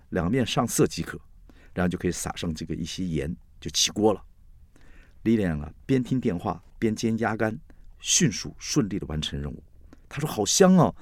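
A man's voice: fairly low pitch, dry recording. Playful older man telling a comic story. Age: 60s. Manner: chatty, playful, animated asides. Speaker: storyteller host.

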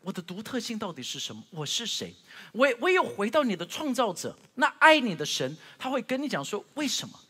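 A man preaching a sermon as pastor, telling stories with strong emotion, moving from loud to hushed, with frequent stammered restarts. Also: sits high, wildly swooping pitch, brisk, few pauses, slightly rough, big-room sound.

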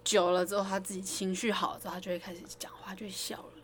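A woman's voice: mid-range voice, rapid-fire. A woman piano teacher, chatting casually on a podcast and telling stories with lots of laughter. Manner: animated storytelling, laughs often.

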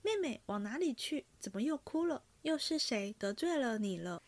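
A woman's voice: on the high side, lively intonation, moderate pace. A woman doing an eager, doting young nobleman. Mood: coaxing.

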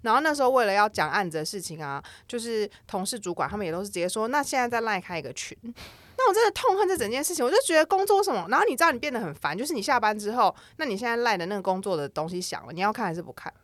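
A woman's voice: mid-range voice, sing-song, very fast, few pauses, no room sound. A woman in her thirties with a Taiwanese accent, chatting casually and emphatically as a podcast co-host. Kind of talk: casual chat.

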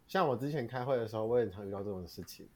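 A woman's voice: rumbling low, racing. A young woman, co-hosting a casual chat, reacting with teasing, sympathetic comments. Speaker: podcast co-host.

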